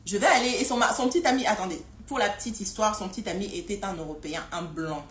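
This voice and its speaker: A woman's voice: mid-range voice, lively intonation, fast talker. Hesitant woman hosting a live stream. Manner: hesitant, many repeated words and fillers. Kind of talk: casual live stream talk. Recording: roomy echo with faint noise.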